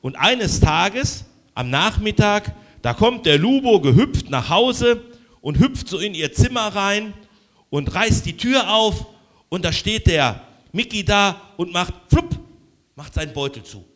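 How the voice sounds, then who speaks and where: A man telling a children's story aloud, lively with hushed asides. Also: sits high, a little slow.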